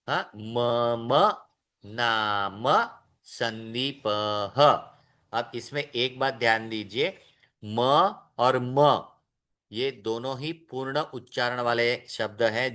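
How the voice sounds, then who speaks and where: A man teaching an online class, stretching out words slowly to show how they are pronounced and slipping in English phrases. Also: mid-range voice, a bit bright. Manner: slow, drawn-out demonstration of pronunciation. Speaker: Sanskrit teacher.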